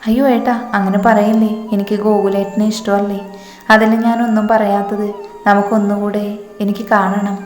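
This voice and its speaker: Brief: trusting young student girl, pleading, flat reading, roomy echo, a woman reads her. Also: medium pitch, normal speed, lightly acted. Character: naive young female college student. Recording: echoey room with long reverb, faint music.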